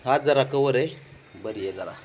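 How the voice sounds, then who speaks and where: A man's voice: mid-range voice, moderate pace, darkish tone, slight background noise. A man filming his pets, coaxing and questioning his cat in a sing-song baby-talk voice. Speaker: pet owner filming his cats. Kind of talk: casual pet vlog.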